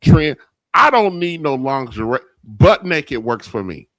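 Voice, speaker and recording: Male co-host, mid pitch, lively, blunt slang, dry close mic. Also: measured pace, dry recording, poor audio. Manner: blunt, slangy, laughs easily. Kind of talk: casual podcast banter.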